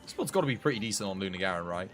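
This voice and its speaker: A man's voice: sits low, very animated, very fast, fairly bright tone, faint music behind. Streamer man on a headset mic. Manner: chatty, rambling, swears mildly, talks to chat. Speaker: livestreamer. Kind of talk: casual gameplay commentary and chat.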